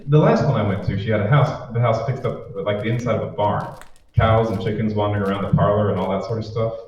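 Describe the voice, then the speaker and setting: Griping about his boss's parties, a wisecracking, reluctant boyfriend is voiced by a man in an old-time radio drama, sardonic and grumbling. He talks fast in a lowish, slightly mellow, natural voice with fairly even intonation. Distant, muffled and very echoey, the recording has faint noise.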